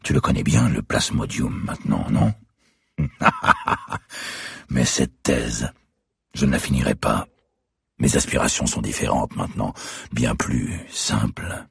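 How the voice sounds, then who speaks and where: A man voicing a young masked killer who talks in a slow, taunting, mocking way. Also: a bass voice, lively intonation, creaky, slightly rough, dry recording, studio quality, exaggerated voice. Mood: brooding. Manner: sneering, taunting, slow and deliberate.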